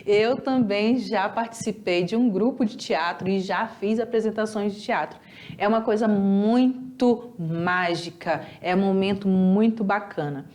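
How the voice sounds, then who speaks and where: A young Brazilian woman with a Brazilian Portuguese accent, teaching a recorded lesson and drawing out words slowly to show pronunciation. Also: medium pitch. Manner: lively, drawn-out teacherly pronunciation drills. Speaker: Spanish teacher.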